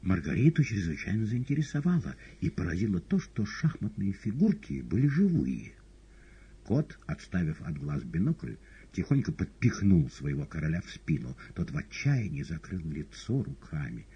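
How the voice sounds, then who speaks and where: A man reading an audiobook novel in a calm, steady narration. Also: low voice, normal speed, breathy edge. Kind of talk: scripted narration. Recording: dull lo-fi audiobook recording.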